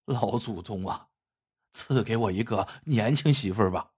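A male storyteller voicing a greedy, cowardly rich villager who talks low and wheedling. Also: very animated, normal speed, husky. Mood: pleading.

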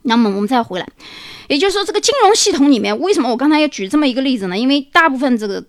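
A woman's voice: high voice, lively intonation, racing, no echo, clean studio sound. A woman hosting a talk show, explaining things at length through many examples and often dropping in a filler "ah". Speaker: podcast host.

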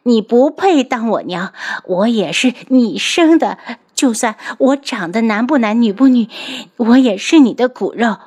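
A woman voicing a scornful young man of a royal house who shouts bitter accusations at his mother. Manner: shrill, accusing, furious.

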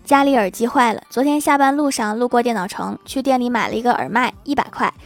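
A fast-talking young woman with a fairly high pitch performs scripted joke narration, telling short comic stories. She pokes fun at herself playfully and laughs in asides, and faint background music plays.

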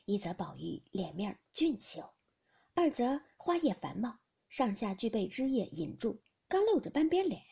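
A woman's voice: on the high side, normal speed, creaky, breathy edge. A woman narrating a classic novel audiobook expressively, often dropping to a whisper. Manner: expressive, with many whispered passages.

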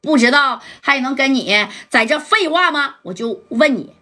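A woman's voice: sits high, animated, normal speed, pushed and bright, pitched above the performer's own voice. A woman voicing a hot-tempered male gangster who interrogates and threatens a captive. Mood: impatient. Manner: menacing, interrogating.

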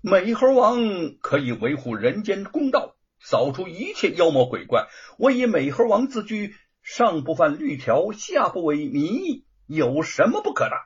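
Unbowed scornful scholar, man acting it, raspy, dull lo-fi recording. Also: high-pitched, sing-song, unhurried, hardly any pauses, pitched above the performer's own voice, heavily acted. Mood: defiant. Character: defiant proud scholar, middle-aged man.

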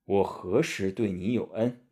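A man voicing a stern, gentle monk master who speaks slowly and solemnly. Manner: slow and solemn, low and soft.

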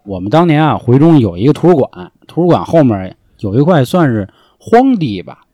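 Young guy telling stories, swears a lot, pitch jumps all over, super dry close mic. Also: moderate pace, dry recording, dull audio. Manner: animated, swears freely, acts out shouts in the story. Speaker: storyteller guest. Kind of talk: casual storytelling chat.

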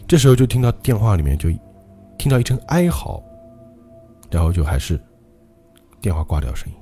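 A male podcast host telling a ghost story in a dramatic, lively way. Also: on the low side, a little fast, soft background music.

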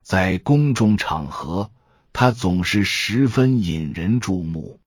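A man narrating an audiobook detective story in a steady, unhurried storytelling manner. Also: sits low, no echo, studio quality.

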